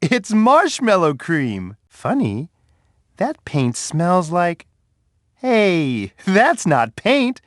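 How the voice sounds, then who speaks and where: A man voicing a big, gentle, cheerful male bear in a children's game, talking warmly and encouragingly to a young player. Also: high-pitched, huge pitch swings, very slow, no echo, clean studio sound, exaggerated voice. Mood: playful. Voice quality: warm, soft, sing-song delivery with chuckles. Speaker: voice actor for a children's game character. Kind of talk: scripted game voice clips. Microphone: dry studio booth.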